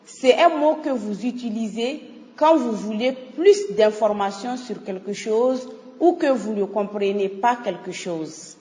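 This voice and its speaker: Slow-speaking woman co-presenting a radio lesson. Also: mid-range voice, mellow. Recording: reverberant hall sound.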